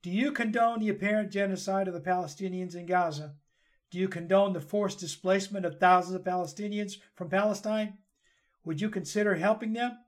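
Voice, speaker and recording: A man hosting a podcast, talking through news stories in an earnest, halting way with restarts, then reading a poem. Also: high voice, steady tone. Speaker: podcast host and storyteller.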